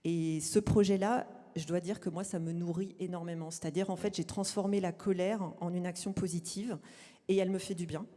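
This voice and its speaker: Earnest, mellow-voiced audience speaker. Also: mid-range voice, steady tone, fairly quick. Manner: earnest, hesitant. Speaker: audience member. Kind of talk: audience question. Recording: long hall reverb.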